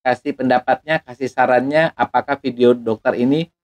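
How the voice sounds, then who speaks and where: A man's voice: mid-range voice, fairly even intonation, a little fast. A man, a doctor and hypnotherapist, giving an educational talk to camera. He explains patiently and briefly acts out things parents say.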